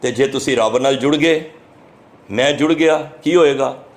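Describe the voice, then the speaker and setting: A man with a Punjabi accent giving a sermon, explaining scripture line by line in an earnest, teaching manner and drawing verses out slowly before he explains them. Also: medium pitch. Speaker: Sikh preacher giving scripture commentary.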